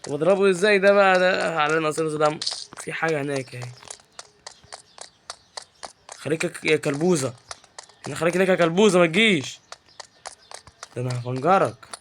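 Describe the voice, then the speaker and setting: Excitable Egyptian man narrating gameplay. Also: fairly high pitch, brisk, long pauses, background noise. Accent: Egyptian Arabic. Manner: excitable and teasing, yells at game characters. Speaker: gaming YouTuber. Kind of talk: live gameplay commentary.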